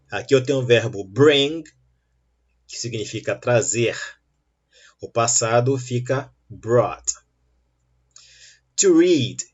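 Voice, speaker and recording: Medium in pitch and edged with breath, a man's voice explains English grammar in a dull lo-fi recording. He goes slowly and patiently, checking with a rising "tá bom?" that the students are keeping up.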